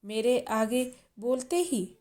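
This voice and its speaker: A woman's voice: fairly high pitch, expressive, slow, a little mellow. A woman reading the lines of a young newlywed bride in a storybook, earnest and emotional.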